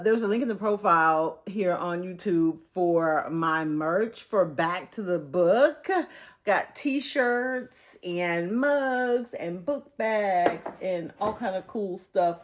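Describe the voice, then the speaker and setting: A Texan woman in her fifties talks through a book review in a relaxed, rambling way. Her voice sits a bit low for a woman, and she calls her viewers y'all. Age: 50s. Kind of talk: casual book-review vlog.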